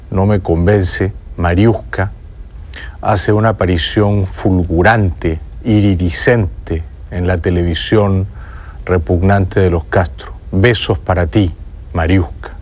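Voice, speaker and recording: A Peruvian talk show host with a low, darkish voice delivers an opinionated monologue, indignant and sarcastic, peppered with teasing asides.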